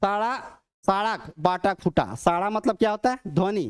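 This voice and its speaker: Teacher, exam-prep lesson, slow drawn-out letters, asks then answers itself, middle pitch. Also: expressive, clear, resonant tone. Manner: repetitive, asks and answers its own questions, sounds out letters slowly.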